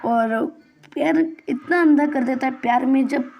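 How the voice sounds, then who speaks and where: A woman's voice: high voice, measured pace, darkish tone. Rambling woman spinning a long story. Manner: rambling and repetitive, many fillers and restarts. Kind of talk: casual first-person storytelling.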